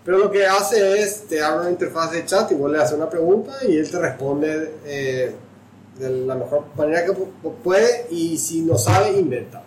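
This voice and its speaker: A man with a slightly raised pitch talks loosely, stopping and restarting his sentences as he explains. His voice bounces around an echoey room, and faint noise sits underneath it. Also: moderate pace. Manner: rambling, many restarts and fillers. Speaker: host demonstrating a chatbot. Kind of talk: casual chat.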